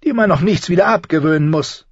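A man voicing a sardonic, sharp-tongued small nobleman who needles the people around him. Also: on the high side, brisk, dry recording, voice pushed up. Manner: mocking, cool and needling. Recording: slightly dull audio.

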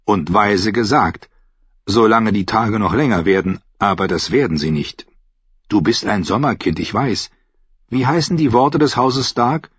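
A man voicing a solemn, wise boy seer who speaks in a grave, measured way. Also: fairly low pitch, slightly rough, dry recording. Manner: measured, grave, slow speech. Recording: slightly dull dry recording.

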